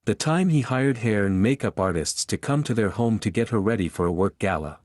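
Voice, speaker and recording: A man narrating an audiobook romance in a steady storytelling delivery. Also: fairly low pitch, a little fast, no echo, clean studio sound. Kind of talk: scripted narration.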